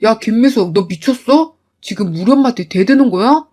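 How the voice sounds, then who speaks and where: A woman's voice: fairly high pitch, expressive, normal speed, mellow. Woman putting on a bossy mama's-boy husband, sneering and demanding. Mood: contemptuous. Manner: bossy, contemptuous.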